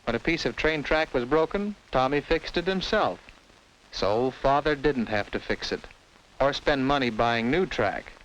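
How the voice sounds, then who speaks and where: An American man narrates a 1950s-style scripted educational film for children, his mid-pitched voice rising and falling in a lively, varied melody. He explains things simply and instructively for young listeners. The vintage soundtrack has faint background noise, and the low-quality recording runs a little slow.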